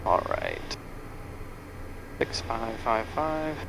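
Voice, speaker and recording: A man's voice: mid-range voice, sing-song, extremely slow, gravelly. A man talks casually and matter-of-factly as a pilot, giving checklist commentary in an aircraft cockpit. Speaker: pilot and presenter. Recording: cockpit audio, faint engine noise.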